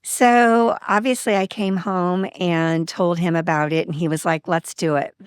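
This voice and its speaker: A woman speaks unhurriedly in a smooth, lowish voice, recorded at studio quality with no room sound. Appearing as a podcast guest, she openly and animatedly tells a personal story, voicing the quoted dialogue of the people involved.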